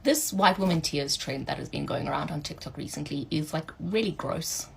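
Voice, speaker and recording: A woman giving measured, critical social media commentary. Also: low-pitched, vocal fry, a little hiss or hum, poor audio.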